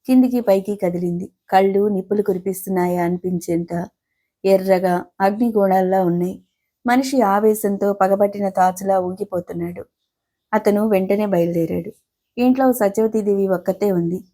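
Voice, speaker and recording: Storyteller: middle-aged woman, dark warm tone, scripted narration, characters read in her own voice. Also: medium pitch.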